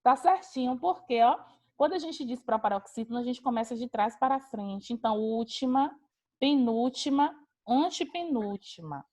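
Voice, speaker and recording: A woman's voice: a little high, expressive, moderate pace, a little mellow. A woman teaching an online class, calling on students by name and praising their answers. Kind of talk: online class on a video call.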